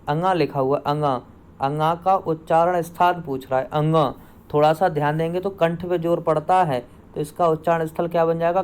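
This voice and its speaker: A man's voice: fairly high pitch, a little mellow, clear, resonant tone. A man teaching a Hindi grammar lesson for exam preparation, asking each question and then answering and repeating it himself. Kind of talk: online exam-prep lesson.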